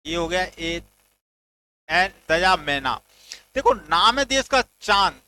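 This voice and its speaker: A man's voice: high voice, expressive, takes it slowly, sharp tone, rough recording. A man teaching a general knowledge lesson, telling playful stories and acting out little dialogues as memory tricks. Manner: playful storytelling with mnemonic jokes, acted dialogue.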